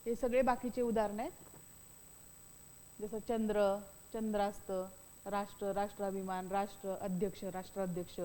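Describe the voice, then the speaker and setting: A woman's voice: medium pitch, level tone, moderate pace, long pauses, a little mellow, big-room sound, rough recording. A woman teaching a grammar lesson, repeating each point and asking questions that she answers herself. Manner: repetitive, asks and answers own questions.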